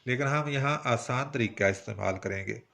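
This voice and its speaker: A Pakistani man with a Punjabi-influenced Urdu accent patiently teaches a poetry lesson, splitting words into syllables. His mid-range voice is a bit bright, has some vocal fry, and moves at a normal speed.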